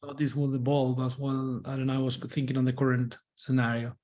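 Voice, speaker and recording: A man's voice: mid-range voice, monotone, brisk, dark tone. A man interviewing an artist in casual conversation, rambling through questions with many fillers, over a video call. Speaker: co-host interviewer.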